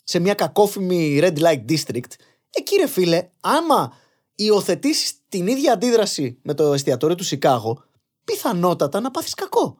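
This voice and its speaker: A young man in casual podcast conversation, arguing his points with animated energy and slipping in English phrases. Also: high-pitched. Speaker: podcast guest.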